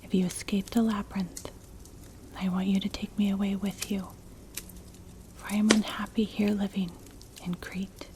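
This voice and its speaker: A woman narrating a story for ASMR in a breathy, unvoiced whisper, gentle and measured, close to the mic. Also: medium pitch, little pitch movement. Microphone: close mic, ear-to-ear ASMR. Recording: clear background noise, clicks. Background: crackling fire.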